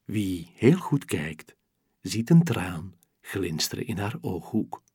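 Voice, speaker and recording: A man narrating a children's bedtime story slowly and expressively. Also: deep voice, slightly rough, dry recording, clean studio sound. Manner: slow, expressive, gentle storytelling.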